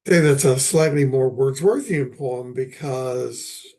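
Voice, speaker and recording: An older man's mellow, mid-range voice, roughened to a hoarse rasp by recent illness, guides a poetry lecture. He speaks in halting stretches full of pauses and filler words.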